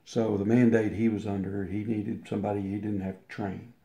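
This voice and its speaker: The delivery is flat and a little fast, the voice fairly low and warm. This older interview guest rambles through a lengthy personal anecdote in casual storytelling style, restarting and acting out quotes, with roomy echo.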